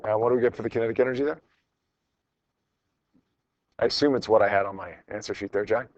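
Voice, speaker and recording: A middle-aged high school physics teacher talks fast in a fairly low, slightly mellow voice as he works through problems with his class. He keeps the lecture informal and encouraging and repeats phrases for emphasis. The highs are cut off in the recording.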